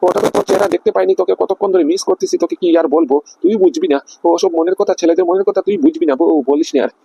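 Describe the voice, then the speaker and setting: A man voicing a gravelly, coaxing cartoon husband. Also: high voice, very animated, very fast, warm tone, dry recording, full character voice. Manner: coaxing, rambling, full of fillers. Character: fussing, coaxing middle-aged cartoon husband. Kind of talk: cartoon comedy voice acting.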